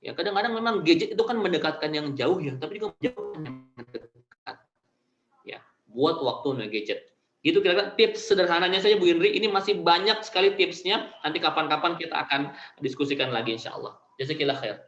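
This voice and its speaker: A man's voice: on the high side, lively intonation, brisk, fairly bright tone. Chatty male preacher on a roomy call. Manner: chatty, colloquial, addresses listeners directly with frequent "ya". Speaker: Islamic preacher. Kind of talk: online Islamic study sermon to mothers. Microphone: video call. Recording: roomy, dull lo-fi video call audio.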